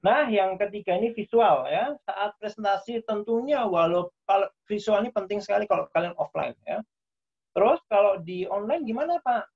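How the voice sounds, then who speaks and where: A man's voice: high voice, lively intonation, moderate pace, a little mellow, husky. Man lecturing over dull online audio. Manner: casual, many fillers and tag questions. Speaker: workshop presenter.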